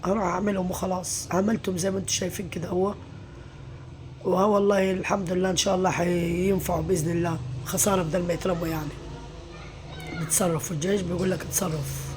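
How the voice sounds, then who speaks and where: Weary Egyptian mother venting fast. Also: fairly low pitch, noisy background. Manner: weary venting, full of religious phrases. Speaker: mother and home vlogger. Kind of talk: casual confiding vlog talk.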